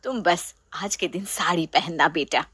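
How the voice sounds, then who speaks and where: A woman's voice: on the low side, unhurried, fairly bright tone, husky, no echo, clean studio sound. A woman voicing a kind, open-minded middle-aged mother-in-law in a storybook, patient and motherly. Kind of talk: storybook voice acting.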